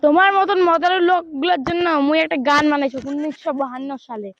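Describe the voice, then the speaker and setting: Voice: high voice, fast talker, fairly bright tone. A performer playing a scolding, mocking village busybody with a North Bengal accent in a comedy skit. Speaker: comic actor. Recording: dull lo-fi sound, crowd noise.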